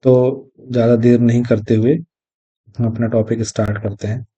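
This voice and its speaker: A man with a very dark, mellow voice teaches an exam lesson. He works through each point step by step, repeats the key terms and slows down to read out definitions. The audio is dull and lo-fi. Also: mid-range voice, little pitch movement, husky. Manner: reads English definitions slowly. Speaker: exam tutor. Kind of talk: recorded lecture.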